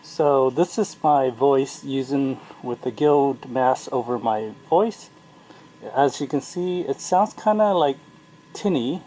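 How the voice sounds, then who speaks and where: A man talking through a silicone face mask, so his voice sounds thin and tinny with no bass, in a halting casual review full of fillers. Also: slight background noise. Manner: halting, many fillers and restarts. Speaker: product reviewer.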